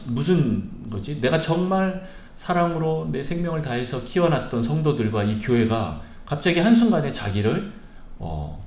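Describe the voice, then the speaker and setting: A male pastor delivers a sermon in a church sanctuary, his voice rising and falling with lively swings in pitch. He tells a story with plenty of "uh" pauses, and the room adds a noticeable echo. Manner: storytelling with frequent "uh" pauses and vivid retelling.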